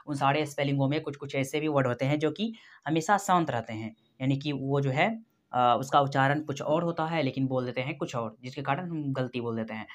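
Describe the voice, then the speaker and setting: A man's voice: medium pitch, a bit bright. A male teacher giving a recorded lecture, methodically spelling words out letter by letter and repeating each rule. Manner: methodical, explanatory.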